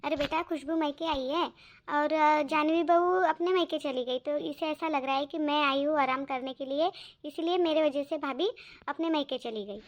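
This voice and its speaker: A woman voicing a soothing middle-aged mother in a cartoon, speaking softly and consolingly. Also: high voice, moderate pace, lightly acted. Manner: soft, consoling. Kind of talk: cartoon voice acting.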